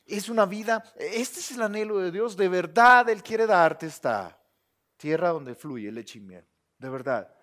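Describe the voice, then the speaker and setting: A man's voice: sits high, expressive, unhurried, fairly bright tone. A male pastor preaching a sermon in a conversational way, often speaking to the listener as "brother".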